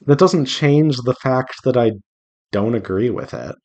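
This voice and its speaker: A visual novel developer and artist hosts a drawing devlog, chatting casually and earnestly as he works. He rambles and offers advice in a mid-range, expressive voice that is a little mellow, at a measured pace.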